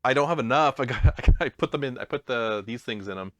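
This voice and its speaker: Smooth-voiced man explaining rules. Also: mid-range voice, fast, fairly bright tone, no room sound, clean studio sound. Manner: explains rules, self-deprecating. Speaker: host. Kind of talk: casual board game chat.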